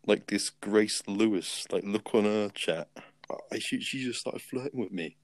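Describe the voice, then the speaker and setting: A man's voice: on the low side, unhurried, dry recording. A teenage boy with a British accent, chatting casually and self-deprecatingly with a friend over an online call. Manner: laid-back, mumbling, self-deprecating. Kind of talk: casual chat.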